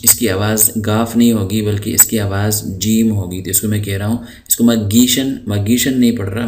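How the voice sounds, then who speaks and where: Lowish-voiced man teaching vocabulary. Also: a little mellow. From Pakistan. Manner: stretches each vocabulary word out slowly, then explains it; patient, with frequent hesitation fillers. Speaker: English teacher. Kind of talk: recorded vocabulary lesson.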